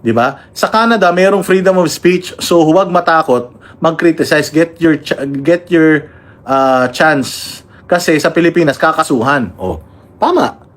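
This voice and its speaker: A man doing heated live-stream political commentary, ranting and swearing at opponents between shout-outs to members. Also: a little high, lively intonation, unhurried.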